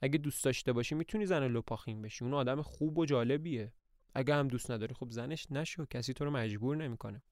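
A man's voice: mid-range voice, darkish tone, dry recording, clean studio sound, close to an everyday voice. A man reading the lines of an anxious aging woman who owns an estate, in a plaintive, pleading way.

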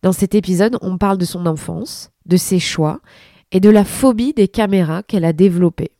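A woman in her thirties with a French accent, hoarse from a cold, presenting a sports podcast as its host. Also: fairly low pitch, moderate pace, dark tone, dry recording, clean studio sound. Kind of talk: introducing and hosting a sports podcast.

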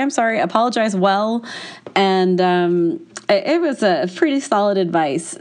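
A woman hosting a podcast, chatting casually through a cold, with a congested, stuffy nose and a tired sound. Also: mid-range voice. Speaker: podcast host. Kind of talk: casual podcast episode introduction.

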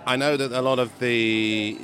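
A man's voice: mid-range voice, steady tone, unhurried, fairly bright tone. A male podcast host asking chatty interview questions, restarting as he frames them. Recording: crowd chatter around the speaker.

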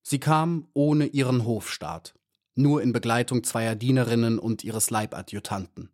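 A man narrates a children's story in a calm, measured way, with a mid-pitched, even reading voice. His delivery is steady and clear, like a practiced audiobook reader.

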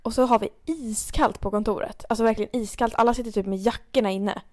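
A young woman telling a story in casual chat, animated and swearing, acting out quotes. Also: fairly high pitch. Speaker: podcast co-host.

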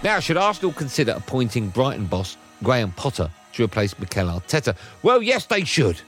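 Male presenter, expressive, playful scripted links. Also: mid-range voice, fairly quick, music in the background. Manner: playful, lively intros. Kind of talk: scripted link narration.

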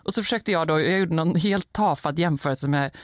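A woman's voice: low voice, dry recording, clean studio sound. A woman co-hosting a podcast, telling an anecdote in a casual chat and slipping into quoted voices. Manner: animated storyteller, often drops into quoted voices. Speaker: podcast co-host.

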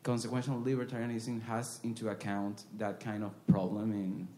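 Man, from venezuela, audience questioner, lowish pitch, hesitant. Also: flat delivery, normal speed, dark tone, slight background noise. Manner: hesitant, many "uh" restarts. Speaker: audience member asking a question.

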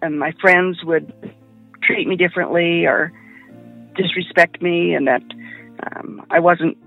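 A woman giving personal testimony about an attack she survived, in a quiet, halting way. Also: on the low side, fairly even intonation, gravelly. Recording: muffled lo-fi with faint music.

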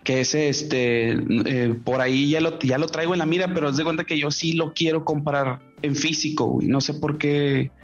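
Chummy host, slightly dull audio. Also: male voice, on the high side, fairly even intonation, moderate pace, few pauses, soft background music. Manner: chummy, slangy, rambling with restarts. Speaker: podcast host. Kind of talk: casual podcast chat.

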